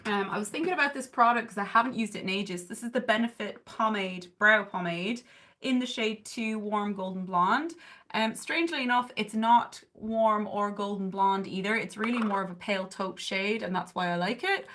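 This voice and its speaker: A beauty livestreamer in her thirties from southern Ireland chats casually at close range to a webcam or phone camera while doing her makeup in her bedroom, reading viewer comments as she goes. She has an Irish accent and a medium-pitched, slightly bright voice at a normal speed, with slight background noise. Rambling and full of "like" and "um," she also coos at her cat.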